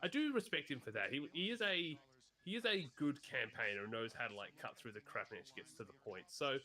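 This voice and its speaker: A man in casual stream chat, animated and opinionated. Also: mid-range voice, fast.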